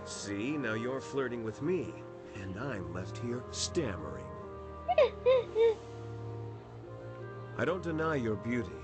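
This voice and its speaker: An actor playing a worldly male warrior companion in a video game, speaking in an earnest, measured, reflective way. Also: mid-range voice, huge pitch swings. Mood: teasing. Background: loud game music.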